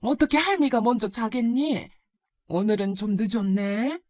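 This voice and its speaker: Doting elderly grandmother, soft and slow, read by a woman narrator. Dry, close sound. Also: on the high side, expressive, no echo, natural voice. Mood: tender, fussing. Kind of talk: storybook narration.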